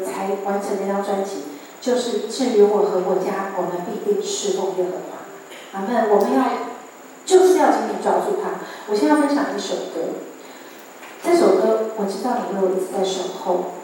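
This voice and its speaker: A woman, sharing a church testimony as an animated storyteller who acts out the dialogue. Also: medium pitch, slight background noise. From Taiwan. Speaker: church testimony speaker and gospel singer. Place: church sanctuary. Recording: echoey hall picked up from a distance.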